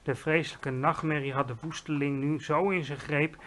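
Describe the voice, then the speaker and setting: A man reading a children's book aloud with lively, expressive narration. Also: on the high side, normal speed, slight background noise. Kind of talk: storybook read-aloud.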